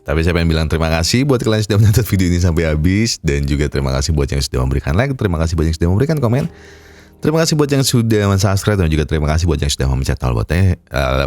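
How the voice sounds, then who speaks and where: Low low stuffy voice guy with a cold, folksy film recap host giving chill advice. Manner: folksy, gently advising, self-deprecating. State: nasal and congested from a cold. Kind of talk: scripted film recap narration and casual outro.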